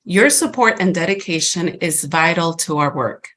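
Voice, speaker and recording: A woman with a slightly low voice reads polite, formal introductions as the event host. Her delivery is scripted and tidy. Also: lively intonation, normal speed, fairly bright tone.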